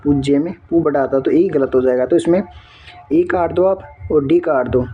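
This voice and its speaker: A man's voice: a little high, moderate pace, phone-quality sound, faint music behind. A man working through an exam answer key step by step, often checking in with his viewers. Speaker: exam tutor.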